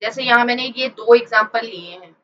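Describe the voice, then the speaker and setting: A woman's voice: fairly high pitch, a little fast, a bit bright, dull audio. A woman teacher explaining a lesson from slides. She asks questions and answers them herself, and she mixes English terms into her explanation.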